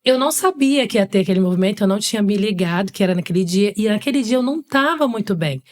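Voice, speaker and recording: A woman's voice: mid-range voice, expressive, quick pace. Brazilian woman co-host telling a story, casual and easygoing. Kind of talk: casual conversation.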